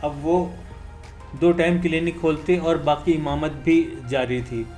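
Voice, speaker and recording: Earnest male storyteller, slightly high voice. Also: unhurried, a little mellow. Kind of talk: scripted motivational narration. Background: faint music.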